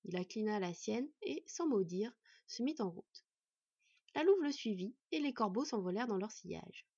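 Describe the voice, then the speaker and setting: Breathy woman narrating a fantasy tale. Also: medium pitch, moderate pace, no echo. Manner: expressive storytelling. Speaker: audiobook reader. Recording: dull lo-fi recording.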